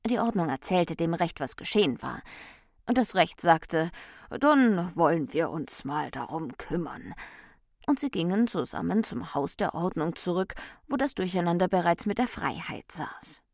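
A woman reads a fable aloud in a clear, measured storytelling voice. Her voice sits low for a woman. The recording is dry and close, with no room sound. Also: lively intonation, a little mellow, dry recording. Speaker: storybook reader. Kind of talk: scripted narration.

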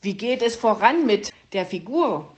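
A woman's voice: mid-range voice, lively intonation, measured pace, dull audio, close to an everyday voice. A woman reading a storybook and voicing a male fox.

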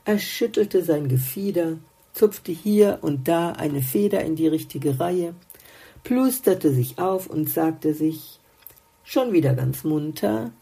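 A woman calmly narrating a fairy tale with a very husky voice, reading in a measured way. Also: on the low side. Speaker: storyteller.

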